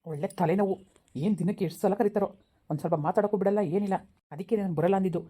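An actor playing an irritable young newlywed husband who complains fast and heatedly in a village family drama. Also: male voice, high voice, dark tone, husky. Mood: grumbling. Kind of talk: everyday village drama acting.

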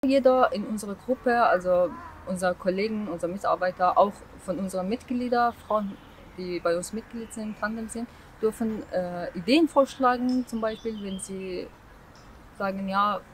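A woman in her twenties from Iran answers at a steady, hesitant pace, with pauses and fillers between her points. She speaks in a mid-range voice outdoors by flower beds, with a faint hiss of open air behind her. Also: mid-range voice, low-quality recording. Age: 20s. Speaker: event organizer. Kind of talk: interview answers to camera.

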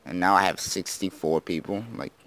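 Low-voiced teenage boy gaming vlogger. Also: steady tone, normal speed, fairly bright tone. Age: teens. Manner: rambling, self-deprecating, slurs words. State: just woken up. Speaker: gaming YouTuber. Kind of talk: casual gameplay commentary.

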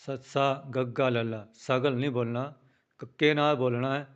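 A man teaching pronunciation of a prayer, chanting verses slowly and then explaining the spelling in a quicker spoken voice, with a Punjabi accent. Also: mid-range voice, fairly even intonation, clear, resonant tone, dull audio. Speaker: scripture recitation teacher. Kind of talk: pronunciation lesson with chanted recitation.

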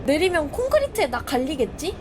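Woman game streamer, very high and lively voice, jumpy and shrieky, with game noise behind; casual live commentary. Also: a little fast. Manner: jumpy, shrieks and exclaims when startled.

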